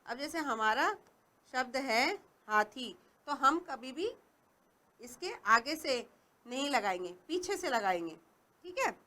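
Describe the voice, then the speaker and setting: Slow, high-voiced woman teaching small children. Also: lively intonation, pushed and bright. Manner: slow, patient, stresses each word for little learners. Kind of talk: classroom lesson for young children.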